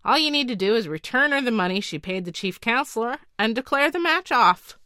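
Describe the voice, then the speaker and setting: A woman voicing a calm, round little magical servant in a fairy tale, matter-of-fact and brisk. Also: fairly high pitch, no echo, studio quality, voice pushed up.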